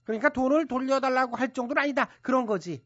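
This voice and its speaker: A man's voice: extremely high pitch, fast talker, fairly bright tone, dry recording. A man playing a cheeky servant in a radio comedy sketch, who needles his mistress and spells things out for her. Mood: explaining. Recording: dry, dull broadcast sound.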